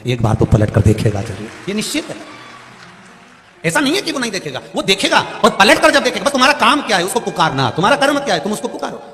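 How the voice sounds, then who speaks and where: A man telling a devotional sermon in a folksy, animated way, acting out characters in quoted dialogue. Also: fairly high pitch. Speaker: religious storyteller. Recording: live hall reverb with music behind.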